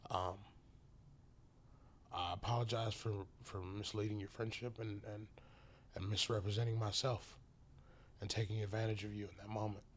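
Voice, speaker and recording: Halting, soft-spoken man sharing his story. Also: lowish voice, fairly even intonation, a little hiss or hum. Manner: halting, many restarts, drops to whispers. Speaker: podcast guest. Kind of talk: emotional personal testimony.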